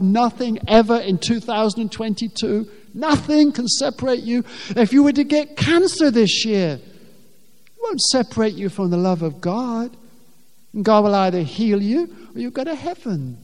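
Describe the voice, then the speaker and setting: A man's voice: high-pitched, lively intonation, a little slow, a little mellow. A man preaching a sermon, emphatic and repeating his words for stress. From England. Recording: long reverb of a large hall.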